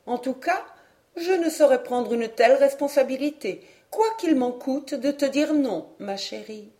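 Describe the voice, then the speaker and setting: A woman's voice: high-pitched, unhurried, mellow. A woman voicing an anxious, proper older aunt who speaks in a fretful, prim, exclaiming way in an audiobook.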